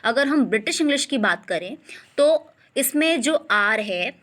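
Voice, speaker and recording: A young woman teaching a grammar lesson, reading English lines out slowly and deliberately, then explaining them patiently with frequent check-ins. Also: a little high, expressive, fairly bright tone.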